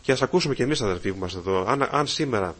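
Guy preaching a sermon, kinda husky, middle pitch, keeps going "brothers", gets loud on the big lines. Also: expressive. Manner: repeats "brothers" often, swells loud on key phrases.

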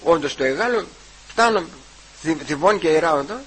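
A man giving a personal testimony at church. He retells the conversations and keeps repeating "I say" and "he says", with halting restarts. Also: fairly high pitch, expressive, a bit bright, slightly rough, low-quality recording.

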